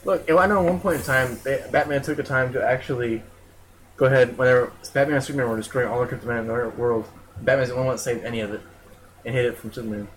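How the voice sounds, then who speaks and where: A man's voice: mid-range voice, fairly even intonation, fast, slight background noise, rough recording. A man co-hosting a podcast, chiming in with teasing remarks in casual chat. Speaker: podcast co-host.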